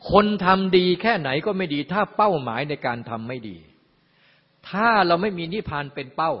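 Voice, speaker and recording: Husky older man giving a dharma talk. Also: sits high, lively intonation, normal speed. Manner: folksy, explains with everyday examples and asides. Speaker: Buddhist teacher. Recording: lo-fi, long hall reverb.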